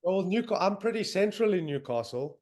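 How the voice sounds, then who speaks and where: A young man with a South African accent hosts a podcast from his home in northern England over a video call. His voice is high, a little mellow and fairly quick, with lively intonation. He chats loosely and enthusiastically, with plenty of fillers.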